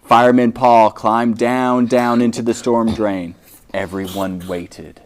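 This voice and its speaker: A man's voice: medium pitch, flat delivery, slow. A man hosting a children's reading show, reading a picture book aloud expressively and asking the children questions.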